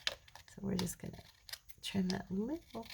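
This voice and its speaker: A tired, middle-aged woman hosting a craft channel works through a tutorial, chatting ramblingly with viewers and muttering under her breath. Her medium-pitched voice is animated yet creaky and gravelly, at a measured pace. Heavy background noise fills the recording.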